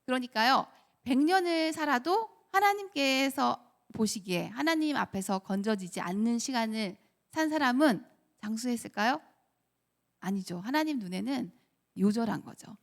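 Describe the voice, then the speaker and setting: Woman, preacher, sermon, fairly high voice, rhetorical questions, acts out quoted voices. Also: expressive, normal speed, vocal fry. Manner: storytelling with rhetorical questions to the congregation.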